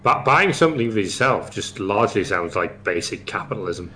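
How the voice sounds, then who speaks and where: Deadpan male podcast co-host, crisp bright tone, low pitch. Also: a little fast, a little hiss or hum. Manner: deadpan wisecracks. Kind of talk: casual gaming podcast chat.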